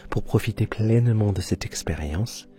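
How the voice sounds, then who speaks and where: A man guiding a sleep hypnosis session in a soft, soothing delivery, close in the listener's ear, at times trailing into a breathy near-whisper. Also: on the low side, normal speed. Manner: close binaural voice, right in the ear. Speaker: host of a relaxation and hypnosis channel. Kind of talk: guided sleep hypnosis narration. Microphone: close binaural microphone. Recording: close binaural recording with soft music. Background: soft background music.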